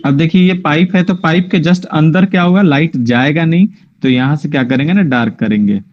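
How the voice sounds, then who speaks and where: A man leads a drawing lesson over an online class, speaking patiently and stopping often to ask whether everyone understands. His voice sits a little high for a man. The audio is dull and lo-fi. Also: fairly quick. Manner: patient, checks often that students follow. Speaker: drawing teacher.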